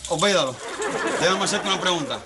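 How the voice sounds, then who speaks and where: A man with a Cuban accent playing an excitable, bossy old man in a TV comedy sketch, fretting and exclaiming often. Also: high-pitched, fast, a loud crowd, heavy background noise. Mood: flustered fussing. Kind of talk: TV sitcom acting.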